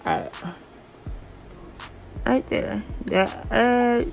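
A woman's voice: on the high side, lively intonation, drawn-out words, vocal fry, darkish tone, soft background music, poor audio. A young woman vlogger, talking casually at home with her lip pulled aside by a finger. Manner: casual, drawling, showing her mouth to the camera. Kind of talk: casual vlog update. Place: home, indoors.

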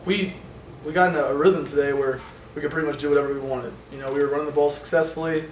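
At a postgame press conference in an indoor press room before a sponsor backdrop, a young adult college quarterback speaks haltingly with many fillers. His pitch is a little high yet barely moves, with fairly even intonation. Table microphones a short distance away make him sound distant and roomy, with faint noise.

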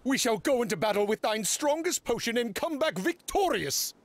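A man's voice: very high voice, very animated, normal speed, no room sound, exaggerated voice. A man playing a pompous, earnest dragon knight in a video game, declaiming heroically in mock-archaic speech. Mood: grandiose, insistent.

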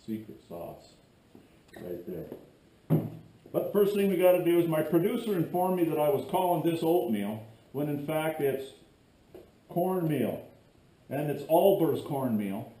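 This middle-aged fishing vlogger has a fairly high, mellow, sing-song voice and a measured pace broken by long pauses. While working in his cluttered garage workshop, he rambles, cracks jokes and drifts into chatty asides for a casual how-to video. A tripod camera placed well back captures him, with garage echo and a faint hum.

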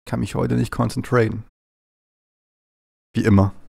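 A man's voice: medium pitch, fairly even intonation, a little slow, gravelly, darkish tone. A man chatting casually on a live stream while playing a game, playful and jumpy, slipping into silly bits, with a stuffy, runny nose from a cold.

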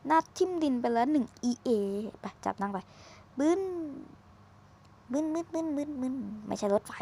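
A woman's voice: high voice, creaky. A woman giving casual, chatty commentary while playing a video game, teasing and exclaiming as she goes, recorded at a desk microphone. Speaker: gaming streamer.

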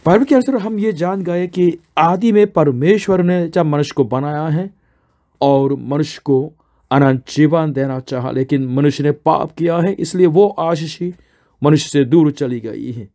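A man's voice: fairly high pitch, a little slow, warm tone. A man preaching a sermon in an earnest, explaining way, asking questions and answering them himself.

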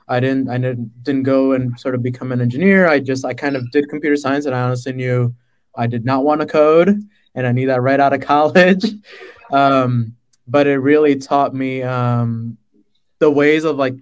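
A man in his thirties from the Dominican Republic, a product manager on a video-call panel, talking casually with lots of "like" and "right?". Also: mid-range voice. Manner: conversational, fillers like "right?" and "like". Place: small room indoors. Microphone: laptop webcam mic on a video call.

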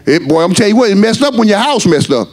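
A middle-aged man preaching a sermon as pastor, rising into shouts and stretching his words. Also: sits high, big pitch swings, quick pace.

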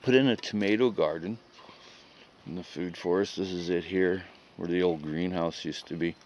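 A man giving a casual, unhurried walkaround of his food garden outdoors, pointing out plants with short remarks. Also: low-pitched, a little mellow, muffled recording, slight background noise.

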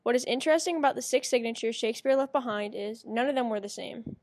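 Higher-voiced woman reading a school report. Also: fast, darkish tone. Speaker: student presenter. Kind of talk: scripted narration for a school project.

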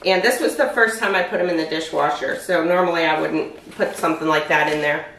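Here a woman in her forties has a low, creaky, fairly bright voice and talks a little fast. She chats through a casual step-by-step meal prep demonstration in her home kitchen. It's recorded by a distant camera, leaving the room echoey.

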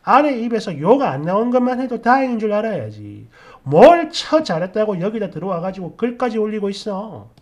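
A man narrating a dramatized first-person story and reading comments, with animated, exasperated retorts and frequent interjections. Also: sits high, moderate pace.

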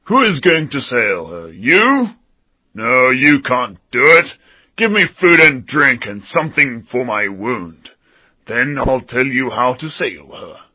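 A wounded older pirate, husky and slow, drawling every word as he schemes, put on by a storybook narrator. The voice crawls along at a sluggish pace. The recording sounds slightly muffled. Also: mid-range voice, very animated, no echo, pitched above the performer's own voice. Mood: scheming.

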